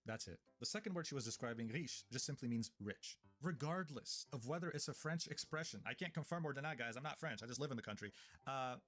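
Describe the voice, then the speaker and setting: A man's voice: medium pitch, lively intonation, fast, a bit bright, soft background music. A man narrating a commentary video in a scripted way, with sarcastic, mocking asides.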